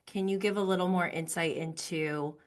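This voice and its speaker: A woman hosts a casual interview in a slightly low voice. She asks her questions informally and responds with sympathy. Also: steady tone, normal speed.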